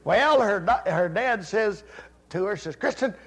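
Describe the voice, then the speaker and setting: An older man preaching a sermon, telling folksy family stories and rising to loud, fervent Scripture reading. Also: high voice, lively intonation, unhurried, husky. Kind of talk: sermon with personal story.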